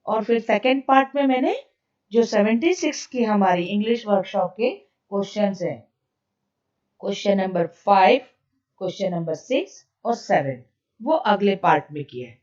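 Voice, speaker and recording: A woman's voice: mid-range voice, expressive, normal speed, darkish tone. A woman with an Indian accent teaching an English lesson, switching to Hindi to explain and often checking "okay?" with her students. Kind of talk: recorded online lesson, mixing English and Hindi. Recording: dull, distant lo-fi recording.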